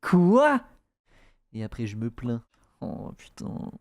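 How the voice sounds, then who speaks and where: A man's voice: fairly high pitch, huge pitch swings, takes it slowly, gravelly, no room sound, studio quality. A man streaming a game in goofy live chatter, breaking into nonsense sing-song syllables, yelps and shrieks. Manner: loud shrieks and squeals. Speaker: gaming streamer.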